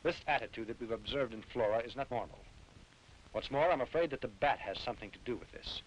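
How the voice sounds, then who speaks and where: An earnest doctor and father, calm and reasoning, played by a man in an old dubbed film. His voice sits mid-range, with a faint hiss behind it. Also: medium pitch, fast talker, highs cut off, close to an everyday voice. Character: calm male doctor, worried family father. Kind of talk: 1950s dubbed film dialogue.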